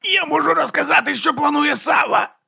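A man's voice: very high voice, moderate pace, gravelly, pushed and bright, voice pushed up, heavily acted. A man voicing a beaten-up male thug who whines and pleads for his life in an audiobook reading. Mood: pleading. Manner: pleading, whimpering.

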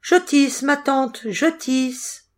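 A woman doing a soft little girl. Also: sits high, fairly even intonation, extremely slow, pitched above the performer's own voice. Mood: timid. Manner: soft, pleading. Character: small frightened peasant girl.

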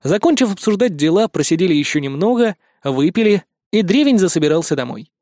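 A man's voice: high-pitched, big pitch swings, fairly quick, dark tone, no echo, clean studio sound. Wry male audiobook narrator. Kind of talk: first-person audiobook narration.

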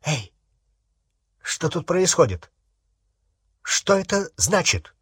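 Nervous balding male wizard official, stammering, high and shaky; man voices him. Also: sing-song, slow, breathy edge, no echo, heavily acted. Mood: bewildered. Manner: stammering, flustered.

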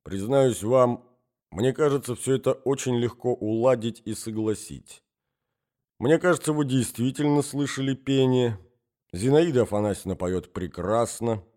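A man's voice: mid-range voice, normal speed, mellow, lightly acted. A man as an anxious young nephew. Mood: persuasive. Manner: reasoning, smooth then flustered.

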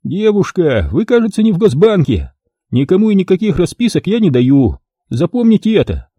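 A man's voice: high-pitched, sing-song, moderate pace, mellow, husky, no echo, voice pushed up, exaggerated voice. A man voicing a curt, jumpy criminal photographer. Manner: curt, hissing, commanding. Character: nervous, curt male photographer hitman broker.

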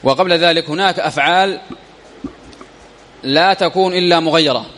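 Arabic grammar teacher in an echoing hall. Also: male voice, on the high side, moderate pace, fairly bright tone. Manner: reads a passage, then explains it with questions and repetition. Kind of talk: classroom lesson reading and explaining a text.

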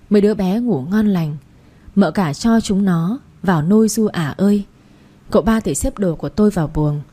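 Woman reading a first-person story out, mellow and a bit husky, steady plain telling. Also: mid-range voice. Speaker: audiobook narrator.

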